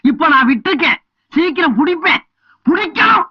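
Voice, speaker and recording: A boastful village headman husband who flares up fast and protests indignantly. His voice sits high for a man and sounds close and dry. The film soundtrack is dull and lo-fi. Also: expressive, no room sound. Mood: scolding. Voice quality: blustering, indignant. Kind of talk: film comedy acting.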